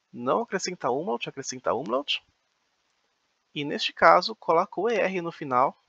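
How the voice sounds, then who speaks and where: Guy teaching german, bright fairly high voice, patient, lots of "então", dry lo-fi audio. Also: vocal fry, no echo. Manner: patient, explanatory, says "então" and "né" often. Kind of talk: explaining a language lesson.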